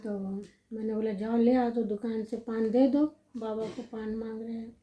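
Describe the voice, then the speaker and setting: Middle-aged woman, homey storyteller, soft warm voice, somewhat high but level delivery, gentle and reminiscing. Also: fairly even intonation, moderate pace, poor audio. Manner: gentle, repetitive listing, reminiscing. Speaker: vlogger recalling her family life. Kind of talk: casual personal storytelling.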